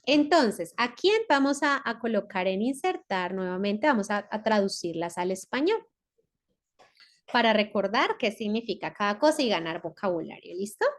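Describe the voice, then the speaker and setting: A woman's voice: mid-range voice, lively intonation. A woman teacher from Colombia, explaining a lesson step by step and often checking in with her students. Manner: slow, repeats words and checks with "¿listo?". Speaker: English teacher.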